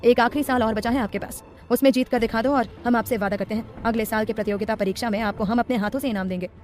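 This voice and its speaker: A woman voicing an intense, protective adult man in an audiobook, calm, tender and firm. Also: on the high side, quick pace, a little hiss or hum, lightly acted. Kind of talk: audiobook character voice.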